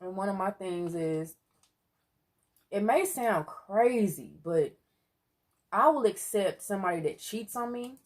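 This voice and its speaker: A woman co-hosting a seafood eating video, chatting casually and earnestly about her relationship, and at times breaking into loud exclamations. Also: medium pitch, animated, unhurried, pauses often. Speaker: mukbang co-host. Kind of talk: casual chat while eating. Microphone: close mic for eating sounds.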